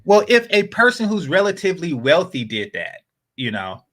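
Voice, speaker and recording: Rambling through a relaxed podcast conversation, he piles on fillers and restarts and keeps sinking into quiet, low asides. He goes at a moderate pace, with pitch that swoops all over the place.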